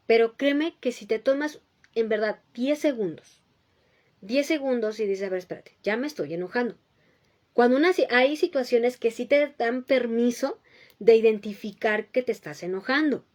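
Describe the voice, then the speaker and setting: A woman with a voice pitched a little above the usual hosts a talk on emotional maturity. She explains patiently and step by step, often pausing for a quick rhetorical check-in, and repeats her key points so they stick. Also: darkish tone. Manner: teacherly, checks in with a frequent rhetorical "¿sí?". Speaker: host giving emotional-health advice. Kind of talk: explanatory talk answering viewers.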